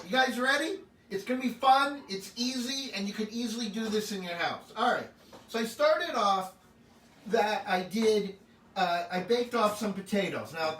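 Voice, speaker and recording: A man's voice: high voice, fairly bright tone, roomy sound, distant mic, a little hiss or hum. A man hosting a home cooking show, chatty and upbeat as he walks through a recipe and jokes with the camera operator. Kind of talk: casual cooking demonstration. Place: home kitchen.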